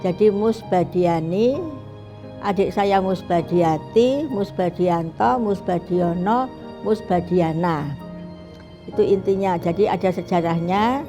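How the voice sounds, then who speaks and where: Older woman, mellow and unhurried. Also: fairly low pitch, soft background music. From Bali, Indonesia. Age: 70s. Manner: unhurried, reflective, with many pauses and restarts. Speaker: retired eye doctor and professor. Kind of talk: recorded interview, personal reminiscence.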